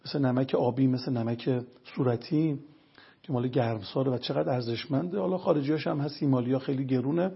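A man's voice: medium pitch, creaky, slightly rough, lo-fi sound. A man talking as a guest lecturer, explaining earnest points one by one and telling stories to make them. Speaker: religious health lecturer guest. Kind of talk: explanatory storytelling talk.

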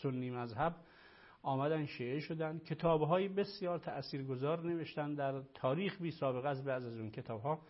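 A man, a religious scholar, answers a caller in a live discussion, his voice set a little high. He lectures emphatically and repeats his points. The audio is muffled and lo-fi.

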